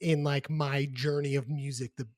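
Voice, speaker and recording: A man's voice: medium pitch, little pitch movement, moderate pace, a little mellow, no room sound, clean studio sound. A man co-hosting a podcast, talking in a casual, rambling and earnest way, full of "dude" and "like". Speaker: podcast co-host. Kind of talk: casual chat.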